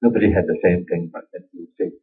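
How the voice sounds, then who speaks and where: With a low, breathy-edged voice and fairly even intonation, a fast-talking Buddhist teacher with a Singaporean accent offers an informal dharma talk. He keeps things conversational and self-deprecating, often chuckling, and the recording sounds dull and lo-fi.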